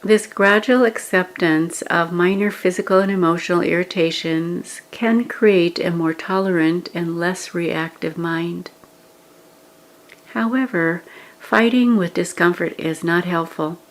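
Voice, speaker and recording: A lowish-voiced woman takes listeners through a guided meditation, her scripted directions gentle, measured and broken by pauses. The recording quality is rough.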